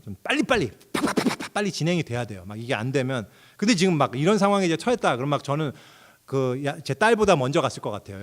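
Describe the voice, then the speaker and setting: A middle-aged man preaching a sermon as pastor, telling the story expressively and acting out characters' thoughts with sudden outbursts. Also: mid-range voice.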